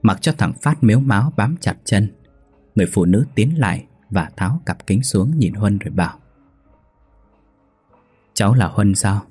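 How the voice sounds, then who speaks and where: A man tells a sad tale in a somber, measured manner. His voice is low and husky. The recording is dry and close, with no room sound. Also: expressive, a little mellow, dry recording, faint music behind. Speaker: storyteller. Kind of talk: storybook narration.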